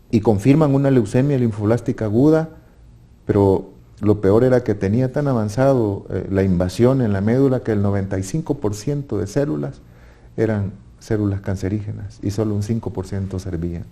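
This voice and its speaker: A man's voice: on the low side, normal speed, dark tone. A man with a Salvadoran accent giving a personal faith testimony, earnest and now and then restarting his words. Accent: Salvadoran Spanish. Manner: earnest storytelling with hesitant restarts.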